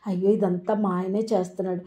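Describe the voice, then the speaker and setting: A woman's voice: mid-range voice, level tone, brisk, mellow, natural voice. A woman voicing a timid young wife who frets and mutters to herself. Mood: fretful. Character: timid young wife afraid of her husband.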